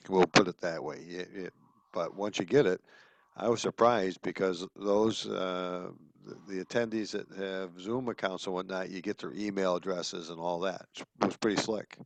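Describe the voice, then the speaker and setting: A man on a video call explaining software steps casually, with many fillers. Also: low-pitched, steady tone, normal speed, creaky, dry recording. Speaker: meetup participant. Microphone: computer mic on video call.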